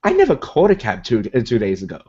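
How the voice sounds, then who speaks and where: A hesitant man tells a story on a podcast over a video call, stumbling through ums and restarts and laughing often. His voice sits at a middle pitch. The call audio is dull and lo-fi. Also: huge pitch swings, quick pace, darkish tone, breathy edge. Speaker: podcast co-host.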